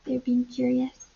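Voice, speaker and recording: This is a woman teacher giving a lively read-aloud for small children, breaking off to ask questions and explain in plain, repetitive language. She has a high, slightly rough voice with vocal fry, heard through a muffled recording.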